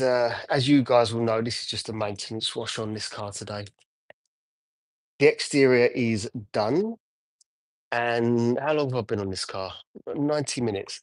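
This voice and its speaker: A man talks casually through a live car-detailing stream, reading out and answering viewers as he goes. His voice sits in a plain middle pitch and sounds dry, with no room around it, though he drifts off the mic now and then as he moves around the car. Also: no room sound. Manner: chatty, answers viewer comments while washing a car. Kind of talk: casual live-stream chat while working.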